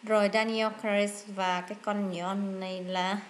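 A woman's voice: mid-range voice, flat delivery, a little slow, a little hiss or hum. Woman teacher talking through exam answers. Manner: reads English words aloud then explains in short steps; frequent hesitant fillers and self-corrections. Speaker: English teacher. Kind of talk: exam walkthrough lesson.

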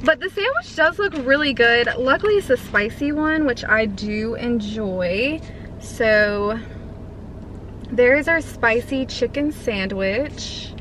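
Taking it slowly, a young North Carolina food vlogger speaks animatedly in a fairly high, fairly bright voice with a light Southern accent. She rambles from her car into a dashboard camera, peppering her speech with "like," over a rough recording with a little hiss or hum.

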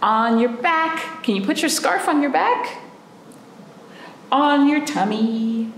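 Leading children's storytime as a librarian, a woman with a slow pace and a creaky, slightly high voice reads a picture book aloud and asks young children simple, encouraging questions. The camera sits a few feet away in a small indoor room, giving a roomy echo and faint background noise.

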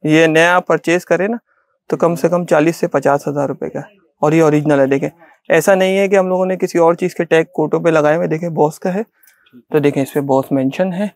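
Middle-aged male shopkeeper, Pakistani Urdu accent, insistent repetitive sales talk, fairly high voice, dry shop recording. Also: steady tone, fairly quick, no room sound. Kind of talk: sales pitch to a vlogger. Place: small indoor clothing shop.

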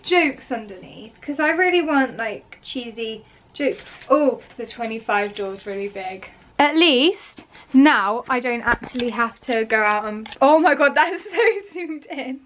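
High-voiced, excitable British teen girl. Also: a little hiss or hum. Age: teens. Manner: excitable, gushing, quick to squeal with delight. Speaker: vlogger. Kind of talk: casual vlog chat to camera. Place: at home, bedroom and desk.

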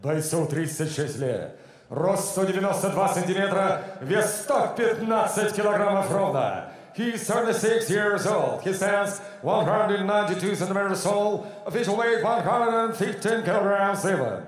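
A man working as a ring announcer, calling out formal fight introductions in a booming fighting-game announcer style with drawn-out names. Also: expressive. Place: large indoor fight arena, in the cage. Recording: echoing arena PA sound.

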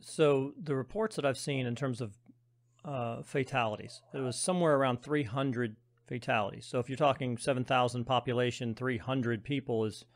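A man's voice: medium pitch, fairly even intonation, normal speed. Curious man hosting an interview. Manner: curious, asks long rambling questions and corrects himself aloud. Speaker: podcast host. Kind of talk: casual interview questions.

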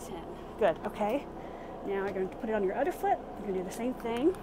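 A woman's voice: mid-range voice, sing-song, fast talker. A middle-aged woman giving a casual, informal workout demonstration as a fitness instructor while she exercises, recorded inside a small RV from a few steps away. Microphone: camera a few steps away. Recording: clearly noisy vehicle interior sound.

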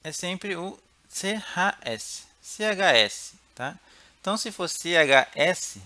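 Slow-paced Brazilian man teaching. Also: sits high, animated, bright, forceful tone, dry recording. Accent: Brazilian Portuguese. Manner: drills words slowly with repetition, checks in with "tá?". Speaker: German teacher. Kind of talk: pronunciation lesson.

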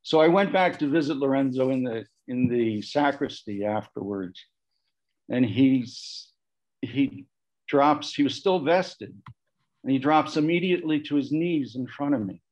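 Speaking a little slowly in a darkish, medium-pitched voice, a man on a discussion panel reflects on a personal memory. He alters his voice to quote others, and the audio is muffled lo-fi.

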